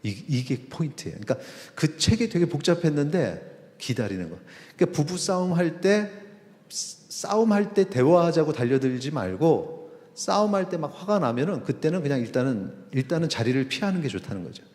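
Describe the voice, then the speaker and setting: A man, a pastor, preaching a sermon in a conversational way, with pauses and acted-out quotes. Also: fairly high pitch, very animated, a little mellow. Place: church sanctuary. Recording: long reverb of a church hall.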